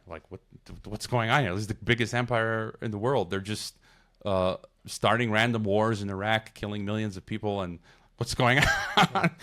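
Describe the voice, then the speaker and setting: Bright and forceful, sitting on the lower side, this voice belongs to a middle-aged Chicagoan guesting on a podcast. The conversation is loose and digressive, full of restarts.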